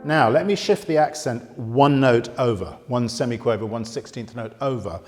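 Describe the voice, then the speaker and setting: Counting fingers aloud as he demonstrates, a piano teacher explains things patiently at a moderate pace, his voice in the mid-range. The lesson takes place in a very resonant room, so long reverb and loud piano playing dominate the recording.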